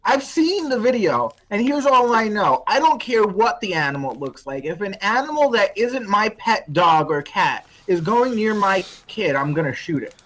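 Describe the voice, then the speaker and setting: A man's voice: sits high, very animated, moderate pace, hardly any pauses, fairly bright tone, poor audio. A man in his twenties co-hosting a casual podcast, blunt and ranting about what bugs him. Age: 20s. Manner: blunt, ranting, says "freaking". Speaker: podcast co-host. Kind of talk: casual chat. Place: home, on a call.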